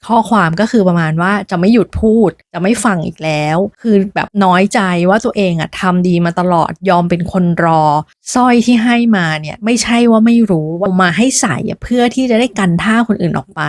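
A woman's voice: mid-range voice, darkish tone, no room sound, clean studio sound. Chatty woman retelling a story. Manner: chatty and emotional, gossipy asides. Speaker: storytelling podcast host. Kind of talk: casual novel retelling.

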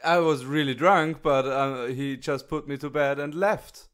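A man's voice: fairly high pitch, fairly even intonation, a little slow, a bit bright. A man co-hosting a podcast in casual chat about an old movie, agreeable, often laughing and stumbling over repeated words. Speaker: podcast co-host.

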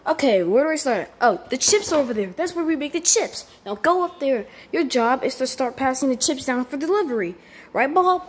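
A woman's voice: animated, a little fast. A woman voicing a pushy, salesy male factory boss, filmed on a handheld phone at home. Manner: salesy, confident pitching. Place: home kitchen. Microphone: handheld phone camera.

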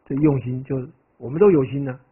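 A man's voice: medium pitch, quick pace. A man, a Buddhist monk, gives a conversational dharma lecture, often asking his listeners "right?" and wandering into stories. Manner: animated, digressive storytelling. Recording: tinny, phone-like lo-fi recording.

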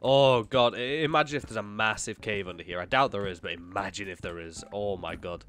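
Lowish in pitch, fairly quick and a bit bright, this young man's voice carries a slight nasal quality from a cold. He's a gaming YouTuber casually narrating gameplay, jumpy and chatty, talking both to himself and to the game.

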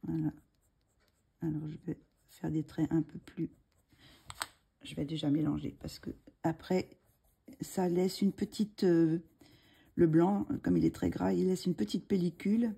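Woman, coloring tutorial host, dark husky voice, hesitant, fillers, slight frog in throat. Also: fairly low pitch, fairly even intonation, measured pace, long pauses. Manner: hesitant, many fillers and restarts, murmurs asides while working. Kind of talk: casual tutorial talk while drawing.

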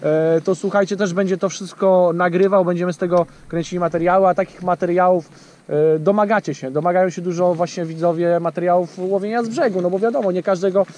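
This time his high, darkish voice stays steady and moves at a quick pace. He's in his thirties, vlogging casually from a small boat on a lake via an action camera, chatting to a friend and viewers alike with lots of fillers.

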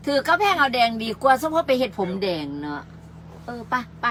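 Older isan lady on a livestream, high voice, rambly and homey, loud car noise. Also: very animated, a little fast. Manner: rambling, folksy, addresses viewers as children. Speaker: livestream host. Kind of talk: casual livestream chat.

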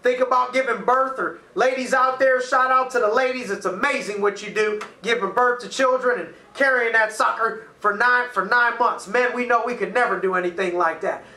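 A man in his thirties coaching to camera with a high, bright, punchy voice, driving each point home with energy. He talks in a small office that sounds echoey, his voice picked up from a few feet away. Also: moderate pace, few pauses, distant mic. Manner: energetic, emphatic, gesturing with his hands. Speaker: motivational coach and host. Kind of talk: motivational talk to camera. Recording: echoey room, voice a little off-mic.

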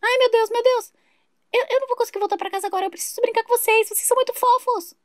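Woman playing a super squeaky fast-talking neighbor lady, gushy and fawning, toy soap opera. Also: steady tone, no room sound, studio quality. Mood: gushing. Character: gushing, chatty adult woman neighbor.

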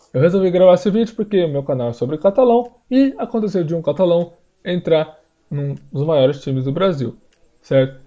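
A man, teaching pronunciation in a screen-share lesson, repeating words slowly for learners. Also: on the high side, mellow. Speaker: language teacher.

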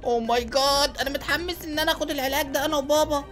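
A wide-eyed young boy speaks in a rush of eager exclamations with an Egyptian accent, as a woman acts him out. His voice is high and quick, with faint game music beneath. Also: fairly even intonation, a bit bright. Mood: excited. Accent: Egyptian Arabic.

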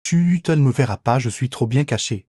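A man's voice: mid-range voice, expressive, brisk, music in the background, close to an everyday voice. A man voicing a cheeky, boastful pet ferret in a playful, mock-dramatic comic voice-over.

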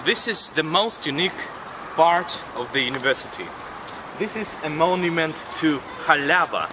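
A young man with a Russian accent giving a halting, filler-heavy walking tour outdoors on a camera mic. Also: on the high side, lively intonation. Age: young adult. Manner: halting, lots of fillers and restarts. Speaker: vlog host and city guide. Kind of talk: casual walking tour talk. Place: outdoors on a city campus street. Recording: loud wind noise on camera mic.

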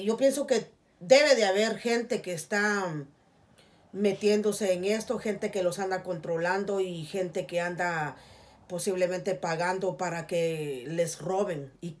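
An earnest middle-aged Guatemalan vlogger with a low voice speaks in a steady, unhurried way, her accent Guatemalan Spanish. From a small indoor room with curtains, she casually and heartfeltly appeals to viewers, pleading "please, guys" repeatedly.

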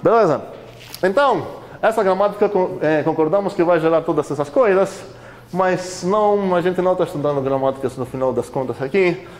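Higher-pitched man lecturing a class. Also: fairly quick, a little mellow. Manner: questions the class often, many fillers. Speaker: university lecturer. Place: university classroom.

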